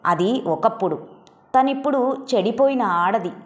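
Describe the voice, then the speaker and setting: A woman reading the lines of a proud middle-aged mother, stern and sharp with her son yet grieving, in a storybook. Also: on the high side, expressive, measured pace. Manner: stern, sharp, turning tearful.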